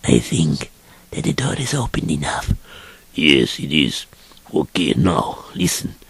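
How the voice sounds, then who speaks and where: A gravelly, sly horse thief. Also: male voice, rumbling low, sing-song, unhurried, slight background noise, exaggerated voice. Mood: sneaky. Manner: hushed, plotting instructions. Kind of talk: amateur audio storytelling.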